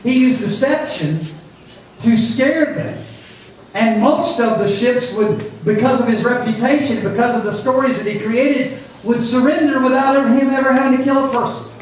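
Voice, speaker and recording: Speaking in a very high voice at a moderate pace, a youth camp preacher gives young people a casual, folksy sermon full of repetition. The room is echoey, the microphone distant, and a faint noise sits underneath.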